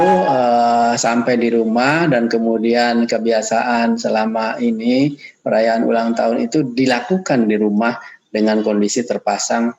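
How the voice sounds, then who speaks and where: A man's voice: mid-range voice, darkish tone, highs cut off. A man lecturing students in an unscripted, spoken-off-the-cuff manner, addressing them politely. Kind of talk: online lecture.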